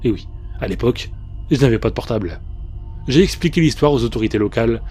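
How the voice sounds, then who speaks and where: A man reads a scripted first-person creepypasta as a narrator, with soft music behind him. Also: mid-range voice. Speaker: horror story narrator. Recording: faint music bed behind the voice. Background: soft background music.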